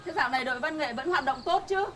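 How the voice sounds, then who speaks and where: A woman's voice: high-pitched, rapid-fire, noisy background, natural voice. An actress playing a chatty, bossy older village woman who gossips. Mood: chatting.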